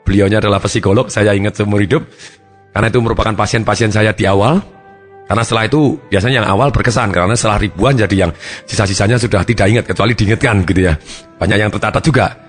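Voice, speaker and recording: A man giving a self-help talk as a therapist, acting out his client's words in animated shifting voices. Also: on the low side, very fast, faint music behind. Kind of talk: motivational talk with acted anecdotes.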